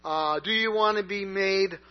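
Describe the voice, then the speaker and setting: This sermon comes from a pastor with a high-pitched, unhurried voice who talks to his congregation casually, stumbling through fillers and restarting sentences. The recording is lo-fi and dull, carrying a mains hum.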